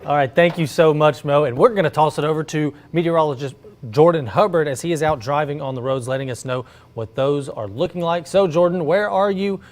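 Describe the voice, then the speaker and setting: A male news anchor making brisk, upbeat handoffs to reporters. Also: a little high. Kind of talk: studio handoffs.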